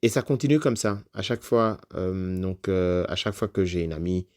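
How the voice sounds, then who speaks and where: A man with a somewhat low voice recounts a personal story as a podcast guest. He talks in a loose, conversational way, dropping fillers as he goes. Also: moderate pace, darkish tone.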